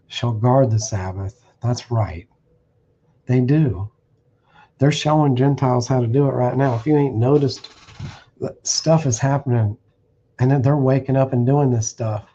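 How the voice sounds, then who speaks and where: Unhurried and pausing at length, a man with a mellow mid-range voice teaches scripture over a stream, bluntly warning his audience and reading verses with restarts. His streaming mic leaves the highs cut off.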